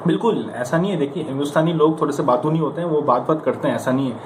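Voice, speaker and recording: An Indian man, a stammering coach giving practice advice, speaks quickly in a fairly high voice in an echoey room with clear background noise. His informal motivational lesson is conversational, emphatic and coaxing, with rhetorical questions and acted-out examples.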